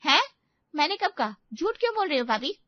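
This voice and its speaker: A woman voicing a touchy young sister-in-law who speaks in a shrill, indignant way, in a dull, dry recording. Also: sing-song, a little fast, no echo.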